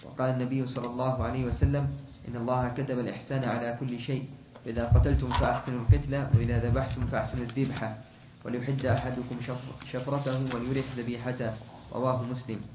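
A man's voice: mid-range voice, flat delivery, roomy sound, dull audio, background noise. A man, a student in a lesson, reading a classical legal text aloud and restarting on words now and then. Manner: quick recitation with restarts on words.

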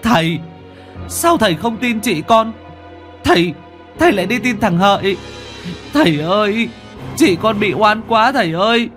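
Wailing young man, voiced by a male narrator, high-pitched, loud and desperate. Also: lively intonation, a little slow, long pauses, faint music behind. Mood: anguished. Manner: sobbing, pleading. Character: young man wailing over his dead sister.

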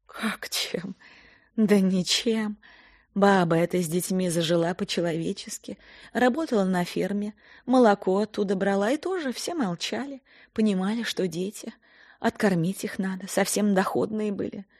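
A woman's voice: medium pitch, moderate pace, darkish tone, close to an everyday voice. Woman doing a blunt, stern village woman. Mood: stern storytelling. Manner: plain-spoken storyteller, blunt and earthy.

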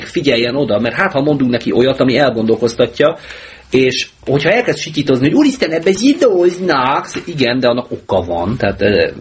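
A man hosting an amateur talk radio show, chatting casually with a joking, sarcastic manner. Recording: low-bitrate mono mp3 with faint hiss.

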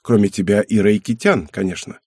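Man voicing a wry, calm husband. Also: on the low side, brisk, husky, no echo, studio quality. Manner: relaxed, mildly teasing. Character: calm, wry middle-aged husband and father.

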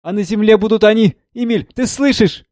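A man reading the part of a frightened mother who breaks into nervous, giddy chatter, his voice raised high. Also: moderate pace, a little mellow, no room sound, studio quality, lightly acted. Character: excitable middle-aged mother, laughing nervously.

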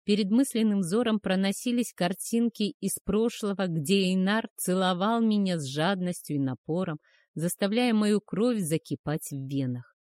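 A woman narrating a first-person romance audiobook in a soft, measured, emotional way. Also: mid-range voice, dry recording.

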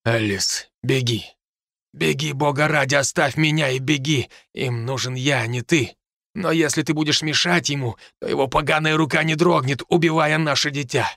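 A man reading an audiobook voices a wounded, frightened nobleman who speaks in a hushed, shaky, pleading way. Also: a little high, normal speed, creaky, no echo, clean studio sound. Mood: urgent. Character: wounded cornered nobleman, fearful, begging.

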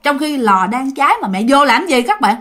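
Animated high-voiced woman storyteller. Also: a little fast. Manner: animated, addresses listeners directly. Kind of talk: casual spoken ghost story to an audience.

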